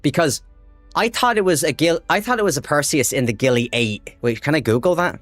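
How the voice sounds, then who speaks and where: An Irish man chatting casually while livestreaming a game, excitable and swearing freely as he talks to his chat. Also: fairly high pitch, brisk, no echo, faint music behind. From Ireland. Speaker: livestream gamer. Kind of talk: casual live gameplay chat.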